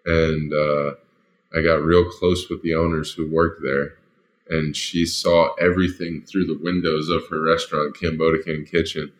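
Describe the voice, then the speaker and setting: Deep-voiced man telling a rambling story. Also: little pitch movement, normal speed. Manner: loose and rambling, full of "like" and "you know". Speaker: storyteller, former football lineman. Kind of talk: casual spoken anecdote.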